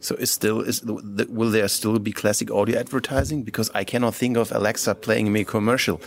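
A man hosts a conversational interview. His voice sits on the low side as he poses questions and adds his own remarks. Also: steady tone, fairly quick, creaky.

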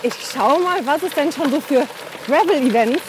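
A woman's voice: high-pitched, lively intonation, normal speed. A woman hosting her vlog, chatting and asking questions while cycling outdoors with friends. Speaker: vlogger and host. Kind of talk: casual chat while cycling. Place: outdoors on a group bike ride. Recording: loud outdoor wind and traffic noise.

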